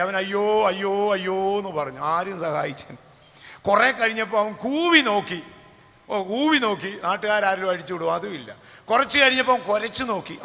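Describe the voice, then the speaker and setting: Bright, gravelly-voiced man preaching. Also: sits high. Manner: storytelling, swings to shouted calls for hallelujah. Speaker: pastor. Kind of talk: Pentecostal sermon. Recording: long hall reverb.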